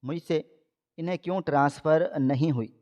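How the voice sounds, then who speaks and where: A man's voice: a little high, a little mellow, close to an everyday voice. A man voicing a young married woman who pleads with her family, read in his own plain voice. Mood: pleading. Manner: pleading, insistent. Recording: dull lo-fi audio.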